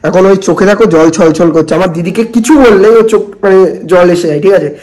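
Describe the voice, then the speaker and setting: A young man talks to camera for his prank vlog. His voice sits very high and he rattles along quickly. He pleads and teases, repeating himself again and again. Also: darkish tone. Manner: pleading, repetitive, teasing. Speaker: vlogger.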